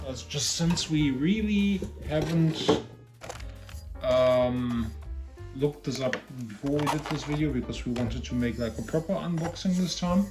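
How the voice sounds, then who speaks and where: A man's voice: fairly high pitch, expressive, unhurried, music in the background. A man co-hosting a craft vlog, chatting casually and explaining things with fillers. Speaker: co-host. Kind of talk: casual unboxing chat.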